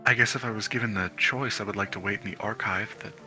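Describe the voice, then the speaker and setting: A man's voice: on the low side, fairly even intonation, fast talker, pushed and bright, faint music behind. A man playing a shy, self-effacing heroine. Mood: hesitant. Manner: polite, self-effacing, hesitant. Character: young woman player character, eager to please.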